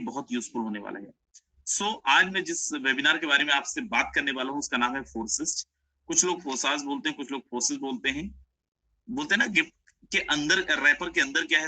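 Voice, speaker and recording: A young man runs an online sales webinar, coaxing listeners to stay and often calling them his friends. His voice is sharp, bright and tense. The sound is dry and close, as on a video-call mic. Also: medium pitch, no room sound, low-quality recording. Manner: persuasive, repeats "my friend", mixes English phrases. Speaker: webinar presenter.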